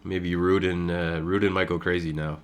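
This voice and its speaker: A man with a deep, low voice narrates his own online poker session live. He thinks aloud in a loose, casual way, trailing off with fillers and laughing at his own asides. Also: flat delivery, moderate pace, a little hiss or hum. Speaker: poker streamer commenting his own play. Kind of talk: casual live game commentary.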